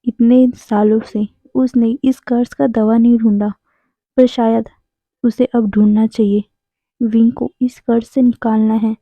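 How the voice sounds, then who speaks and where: A woman's voice: fairly high pitch, no echo. A woman narrating a fan fiction story, voicing every character's lines in her own voice. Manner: reads all dialogue in her own voice. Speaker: fanfiction narrator. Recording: dry tinny phone-like audio.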